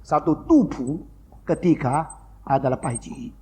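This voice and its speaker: Male lecturer, high voice, lively storytelling, English phrases mixed in, faint hiss, old lecture tape. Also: measured pace. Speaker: pastor and lecturer. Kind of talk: university lecture. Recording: faint background noise, old lecture recording.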